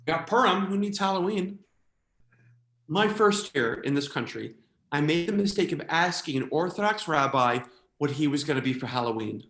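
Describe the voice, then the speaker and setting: An American man performing a stand-up comedy routine, animated, slipping quickly into quoted voices. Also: fairly high pitch, reverberant. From United States.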